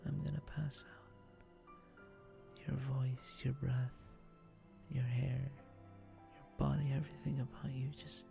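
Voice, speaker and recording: A man whispering softly in an intimate, affectionate boyfriend roleplay for ASMR. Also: medium pitch, level tone, unhurried, creaky, long pauses, over music.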